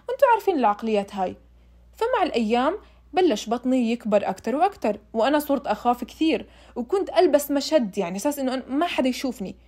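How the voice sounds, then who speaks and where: Addressing her audience directly, a young woman casually and emotionally relates what happened to her. She has a fairly high pitch and a dark tone.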